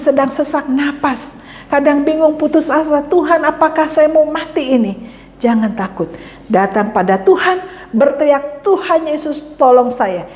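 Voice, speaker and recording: Fervent high-voiced woman pastor preaching. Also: a little mellow, long reverb tail. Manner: fervent, repetitive exhortation with acted prayers. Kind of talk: sermon.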